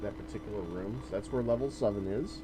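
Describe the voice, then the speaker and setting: A man's voice: fairly low pitch, fast talker, music in the background, rough recording. A man streaming a game, chatting casually in a wry, joking way with restarts and trailing sentences. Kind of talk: casual chat while gaming.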